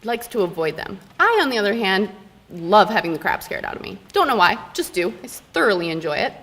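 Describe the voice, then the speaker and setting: A young woman telling a funny personal story on stage at a live storytelling event, animated and laughing often. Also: mid-range voice. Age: young adult. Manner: animated, laughing, dramatic pauses. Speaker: student storyteller.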